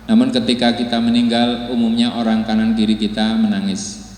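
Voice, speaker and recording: A man preaching a sermon and telling a moral story, rising to high, emotional pleading tones. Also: completely flat delivery, brisk, a little mellow. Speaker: Islamic preacher. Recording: echoey hall with long reverb.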